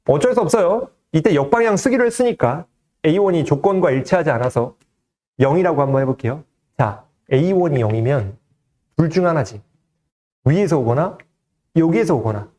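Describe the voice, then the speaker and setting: Male math tutor, slightly high voice that swings widely in pitch, chatty exam walkthrough full of questions to the class. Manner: lively, conversational teaching with frequent rhetorical questions. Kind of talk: exam solution lecture.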